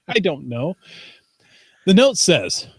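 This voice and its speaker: A man's voice: high voice, sing-song, extremely slow, husky, dry recording. A man co-hosting a casual podcast over a video call, chatty and reading news aloud with playful asides. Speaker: podcast co-host.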